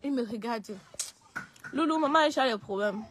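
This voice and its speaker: Woman streamer, high-pitched, hesitant casual live talk. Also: animated, moderate pace, fairly bright tone, a little hiss or hum. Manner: hesitant, restarts and pleads.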